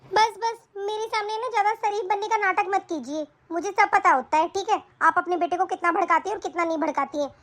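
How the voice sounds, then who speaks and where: A woman voices a spoiled, quarrelsome young married daughter in an animated story, whining, complaining, and sounding defiant. She speaks at a quick pace in an extremely high, slightly bright voice.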